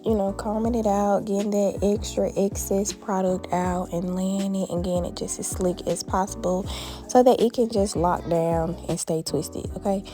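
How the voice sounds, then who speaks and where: At a moderate pace and with a mid-range voice, a woman records a hair tutorial vlog at a family home as faint music plays. She's animated and playful, chatting directly to viewers and calling them "honey" and "baby".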